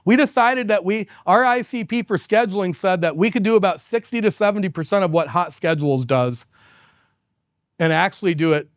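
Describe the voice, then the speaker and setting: A man's voice: sits high, a little fast, dry recording, studio quality. A man giving a conference keynote, telling stories with laughs and acting out the people he quotes. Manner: animated, laughs often, acts out quoted people. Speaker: company executive giving a keynote. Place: conference stage.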